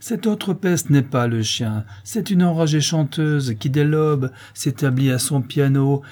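A man reading aloud voices an irritable, gruff gentleman tenant who blusters impatiently. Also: a little high, a little slow. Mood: exasperated.

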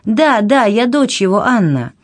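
Brief: reader doing a proud young noblewoman, raised, lively, commanding. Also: medium pitch, unhurried, voice pushed up.

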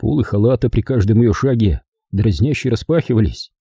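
A man reading a first-person audiobook story with wry, expressive storytelling. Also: on the low side, a little fast, breathy edge, no room sound, studio quality. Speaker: audiobook narrator.

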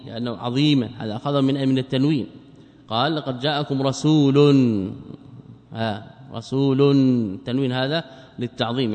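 A man teaching a religious text in a lesson, who asks rhetorical questions, answers them himself and repeats key words for emphasis. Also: medium pitch. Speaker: Islamic scholar teaching a text. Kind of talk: classroom commentary on a religious text. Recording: long reverb of a large hall.

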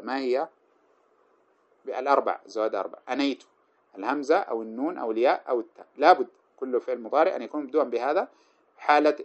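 A man teaching grammar, reciting lines of verse slowly and then explaining them with many short examples. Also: mid-range voice. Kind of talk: explaining a grammar poem line by line. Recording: dull lo-fi recording.

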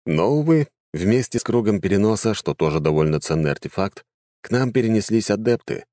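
With a wry and lively delivery, a male narrator reads a fantasy story a little fast. His voice is low and deep, and the audio is dry and close-miked, free of room echo.

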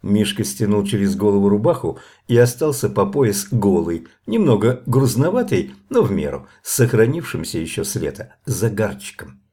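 Male audiobook narrator, measured and even, low-pitched, warm dark tone. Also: breathy edge. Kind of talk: audiobook reading of a novel.

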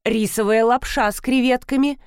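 A woman voicing a bustling, cheerful older mother-in-law in an audiobook, her voice jumping high when excited. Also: normal speed, clean tone, no room sound, clean studio sound, close to an everyday voice.

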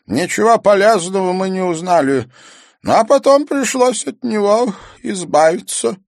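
Storybook club elder, male, ingratiating, voice pushed up high and lively, read by a man. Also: normal speed, creaky, no echo, clean studio sound. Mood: explaining. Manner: coaxing, ingratiating. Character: older male secret-club elder, smooth and persuasive. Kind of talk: audiobook character voice.

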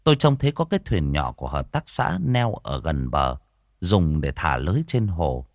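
A man narrating a first-person horror story in an expressive, dramatic way. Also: rumbling low, moderate pace, no room sound, clean studio sound.

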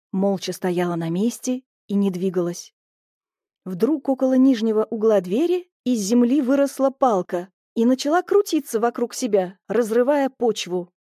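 A woman narrating a first-person audiobook in a lively, mocking manner. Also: fairly high pitch, dry recording, clean studio sound.

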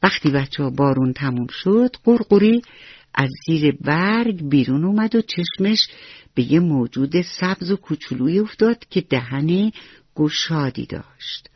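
High husky bedtime storyteller. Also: male voice, animated, dry recording. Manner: gentle, playful, addresses the children directly. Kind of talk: bedtime story narration for children. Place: radio studio. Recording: dull lo-fi radio recording with faint music.

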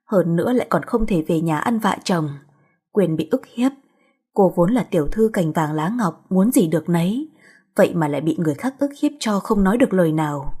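A woman narrating an audiobook story in a steady, even manner. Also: on the low side, a little fast, slightly rough.

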